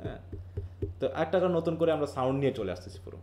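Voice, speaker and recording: A man leads a live online class, explaining each point step by step and stopping often to ask his students questions. His voice sits a little higher than most men's, and he moves easily between English terms and his own talk. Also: rapid-fire, mellow, slight background noise. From Bangladesh. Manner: explains patiently and keeps quizzing students. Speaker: English linguistics teacher.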